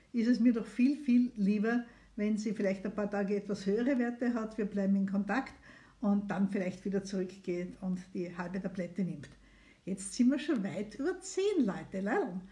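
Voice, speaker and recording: A mellow, mid-range female voice belongs to a middle-aged doctor on a live phone consultation stream. Her talk is easygoing and encouraging, with frequent invitations for viewers to call.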